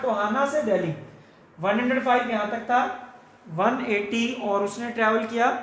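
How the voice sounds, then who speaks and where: A physics teacher, lecturing slowly and deliberately, repeating key points and asking questions back to the class. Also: medium pitch, a bit bright, slight background noise. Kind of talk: classroom lecture mixing Hindi and English. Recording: roomy echo.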